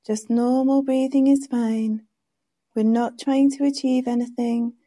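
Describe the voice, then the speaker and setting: A woman leading a guided meditation with gentle, soothing, unhurried instructions. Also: a little high, steady tone.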